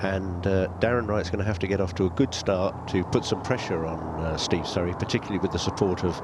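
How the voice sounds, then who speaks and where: A man giving live golf commentary and analysis in a measured, matter-of-fact way. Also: deep voice, steady tone, very noisy.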